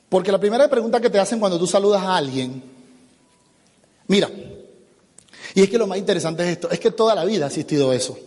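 A man giving an animated motivational business seminar talk, acting out little dialogues as he goes. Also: sits high, long reverb tail. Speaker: business speaker.

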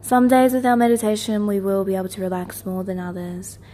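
A woman leading a guided meditation as its teacher, in a gentle, soothing, lulling manner with repeated soft instructions. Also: mid-range voice, level tone, fairly quick.

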